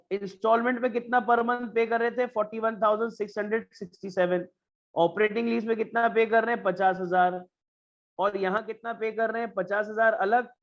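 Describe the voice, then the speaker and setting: A man's voice: high-pitched, fairly bright tone, highs cut off. A man with a Pakistani Urdu accent teaching business, telling a story and acting out every character's lines himself. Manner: affectionate, calls students "beta". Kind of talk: storytelling lecture with acted dialogue.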